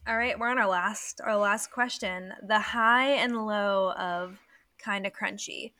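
Gushing bright woman, dry close sound. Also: medium pitch, measured pace, dry recording. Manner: gushing, animated, many fillers like "like". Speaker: podcast co-host. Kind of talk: casual chat.

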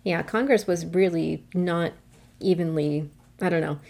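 A woman's voice: fairly low pitch, measured pace, gravelly, a little mellow. A woman co-hosting a podcast in casual chat, speaking earnestly and building to impassioned points. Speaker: podcast co-host.

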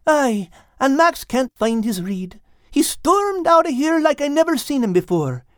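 A man's voice: very high-pitched, very animated, measured pace, fairly bright tone, no room sound, clean studio sound, voice pushed up, full character voice. A man voicing a good-natured, ever-hungry male furry animal with a put-on lilt. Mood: earnest.

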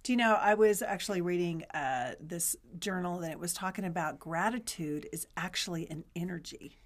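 Woman co-host, middle-aged, low-pitched, lively storyteller. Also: normal speed. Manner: animated, playful storytelling. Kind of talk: casual chat.

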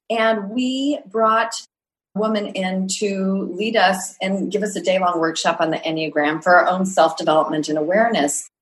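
A middle-aged woman coach speaks in an earnest, reflective way, often listing traits in a measured cadence. Her voice sits at an ordinary middle pitch for a woman. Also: rough recording. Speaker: executive coach. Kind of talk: podcast interview answers.

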